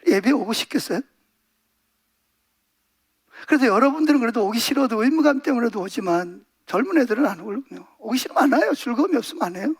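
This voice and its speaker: A man preaching a Sunday sermon as pastor, animated, acting out little scenes and putting questions to the congregation. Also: very high-pitched, fast talker, slightly rough. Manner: animated, acts out voices and asks the congregation questions.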